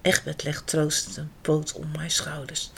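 A woman's voice: low voice, monotone, unhurried, creaky, a bit bright, slight background noise. A woman reading picture books aloud to children in a sing-song storyteller's way.

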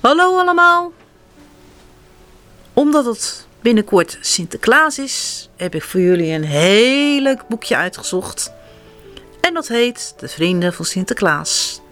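A woman reads a children's picture book aloud in a slow, bright storytelling voice. Her pitch rises and falls widely as she leads the story, with quiet music in the background.

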